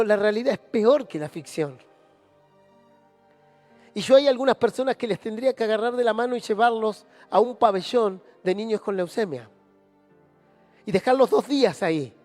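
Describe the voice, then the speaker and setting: A man with a high-pitched voice and a Rioplatense Spanish accent preaches through a Bible study. He tells stories with animation and acts out the people he quotes, while soft music plays faintly behind him. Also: long reverb tail. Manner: animated storytelling, acting out quoted speakers.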